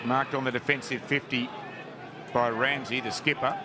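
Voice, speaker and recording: A man's voice: medium pitch, fairly even intonation, moderate pace. An Australian male commentator giving a running, descriptive play-by-play of live football. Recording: crowd and noise behind live commentary. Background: crowd at outdoor ground.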